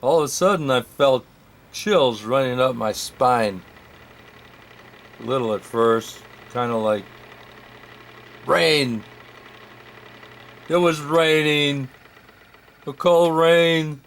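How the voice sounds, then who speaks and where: Slow rambling male storyteller. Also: medium pitch, a bit bright. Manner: rambling, self-correcting, comic asides. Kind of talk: first-person story narration.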